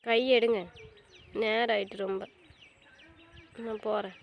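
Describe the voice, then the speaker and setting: A woman's voice: mid-range voice, fast talker, creaky, muffled recording, close to an everyday voice. An actress playing a young wife and new mother, hurt and stubborn, speaking coldly in a melodramatic family drama. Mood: cold anger. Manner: cold, flat, stubborn. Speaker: actor in a web drama.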